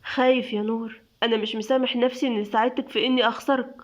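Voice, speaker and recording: Worried young husband with an Egyptian accent, read by a woman; high voice, dull lo-fi sound. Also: steady tone, racing, lightly acted. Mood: anxious. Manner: quiet and worried. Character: anxious young husband, fearful and tender.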